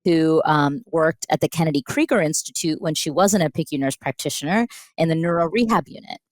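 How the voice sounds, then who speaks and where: A woman, a pediatric intensivist, telling the story of her program in a lively conversational podcast interview, acting out remembered dialogue as she goes. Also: deep voice, fairly quick, dry recording. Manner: animated storyteller, acts out quoted dialogue.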